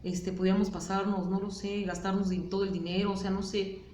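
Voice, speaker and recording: A woman's voice: medium pitch, little pitch movement, fairly quick, a little mellow. Woman, Mexican Spanish accent, candid hesitant testimony, roomy echo, faint background hum. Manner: candid, hesitant, many fillers and tag questions. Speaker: interviewee. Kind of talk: personal testimony interview.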